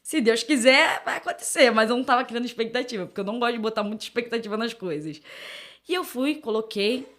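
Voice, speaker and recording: A young woman gives her testimony as a guest on a podcast. She talks quickly in a slightly high voice. She keeps acting out the conversations she quotes. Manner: animated storytelling, acts out quoted dialogue. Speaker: missionary guest.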